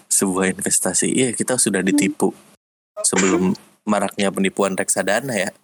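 Pria pembawa podcast berlogat Jakarta, pelan malam hari. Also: male voice, sits low, steady tone, normal speed. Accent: Jakarta Indonesian. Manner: hushed late-night talk. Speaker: podcast host. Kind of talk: casual podcast chat.

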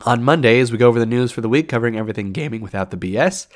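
A man's voice: medium pitch, very fast. A man co-hosting a casual gaming podcast, sick with a nasal, sniffly voice and a jokey, upbeat way of talking. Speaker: podcast co-host.

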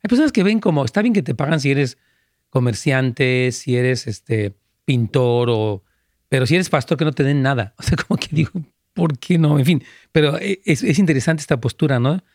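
A man's voice: medium pitch, expressive, moderate pace, darkish tone, no echo, studio quality. A man, a pastor, answering viewers' questions in an earnest, emphatic way and laughing easily between points. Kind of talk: live question-and-answer talk.

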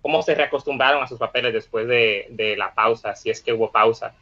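A man's voice: medium pitch, a little fast, bright, forceful tone. A man hosting a podcast interview over a video call, asking long, rambling questions. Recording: dull, muffled call audio.

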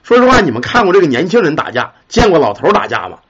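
A man telling a ghost story in an earthy, animated way and swearing casually. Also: on the high side, fast talker, background noise. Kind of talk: colloquial ghost story narration. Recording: dull lo-fi recording.

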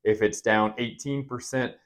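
A man's voice: mid-range voice, fairly even intonation, normal speed. A man hosting a finance podcast, explaining things in a conversational way as a financial advisor.

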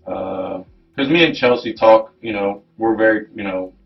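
A man's voice: on the low side, normal speed, vocal fry, highs cut off, soft background music. A man giving a hesitant account in a recorded police interview, full of ums and "you know".

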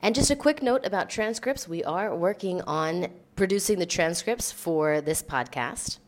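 A woman's voice: fairly low pitch, expressive, slow. A woman from Maryland hosting a podcast, chatting casually in a bilingual mix with English words dropped into her Spanish. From Maryland, USA. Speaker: podcast host.

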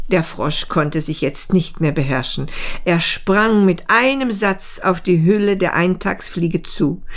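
A woman reading a fable aloud in a slow, expressive storybook narration. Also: lowish voice.

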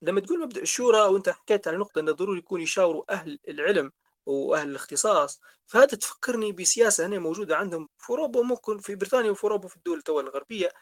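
A male host, chatting conversationally and thinking aloud. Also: sits high. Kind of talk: conversational interview.

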